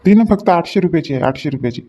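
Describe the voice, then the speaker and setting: A man playing a chatty shopkeeper in a comedy sketch, joking with customers while pitching his goods. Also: lively intonation, quick pace. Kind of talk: comic sketch acting.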